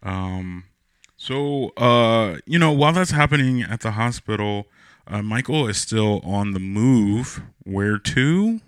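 A man co-hosting a casual film discussion podcast, talking in a halting way with many fillers and restarts. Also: lowish voice, clean tone, dry recording, studio quality. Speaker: podcast co-host.

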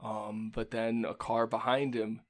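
Lively man talking through a movie. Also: fairly low pitch, measured pace. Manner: lively, recounts scenes in detail. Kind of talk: casual movie discussion.

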